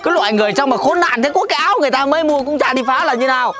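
A man, ranting and cursing loudly in a scripted comedy sketch. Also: very high-pitched, expressive, racing, over music. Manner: loud indignant ranting, cursing.

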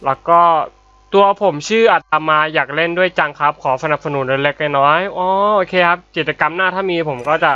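A young man with a bright, forceful voice and slightly raised pitch chats through his game, tossing in casual swearing and polite particles. His voice sounds a little worn from being unwell. The audio is dull and lo-fi, with faint game music behind. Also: fairly quick, clear, resonant tone, dry recording. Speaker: gaming YouTuber.

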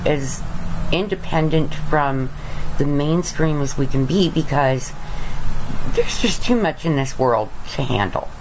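A woman's voice: sits low, animated, a little slow. A middle-aged woman vlogging casually from her bed, rambling and chatty, often calling her viewers "guys". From Arizona. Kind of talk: casual vlog monologue. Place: bedroom, lying in bed. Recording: noisy home webcam recording.

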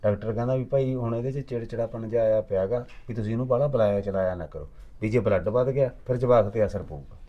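A man's voice: fairly low pitch, fast, echoey room, long reverb tail, muffled recording, lightly acted. An actor playing a young husband and son who keeps coaxing and soothing his angry wife. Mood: pleading. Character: young husband, placating, caught between wife and mother.

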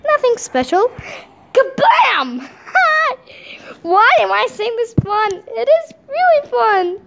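A woman giving excitable, giggly let's play commentary, talking to herself as she plays. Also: extremely high pitch, slow, vocal fry. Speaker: gameplay host.

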